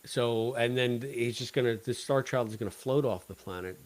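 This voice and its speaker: A man with a medium-pitched voice and a moderate pace co-hosts a casual review podcast about an audio drama. His chat is wry and full of jokes.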